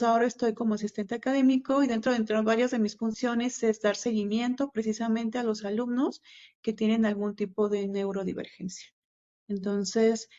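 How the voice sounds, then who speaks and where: A woman's voice: mid-range voice, warm tone. A woman with a Mexican accent speaking as a panel guest, hesitant, with many fillers and restarts. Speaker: panel guest, university academic assistant. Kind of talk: panel talk. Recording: dull lo-fi sound.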